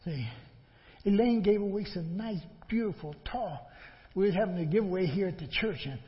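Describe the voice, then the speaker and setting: A man's voice: high-pitched, moderate pace. A man preaching a sermon in a lecturing, admonishing manner, repeating phrases and asking rhetorical questions. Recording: muffled, in a large reverberant hall.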